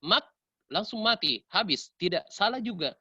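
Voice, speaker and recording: Seorang pria Indonesia mengajar tajwid, mengoreksi bacaan dan mencontohkan pelafalan yang benar dan yang salah. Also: male voice, high voice, lively intonation, moderate pace, bright, forceful tone, husky, no room sound, muffled recording. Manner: corrective, demonstrates right and wrong recitation. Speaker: Quran recitation teacher. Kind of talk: tajwid lesson with recited examples.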